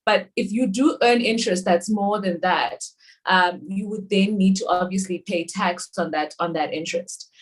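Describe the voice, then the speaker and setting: Woman in her thirties, talkative finance panelist, frequent restarts, mid pitch. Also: moderate pace, rough recording. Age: 30s. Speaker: bank panelist. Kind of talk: webinar panel discussion.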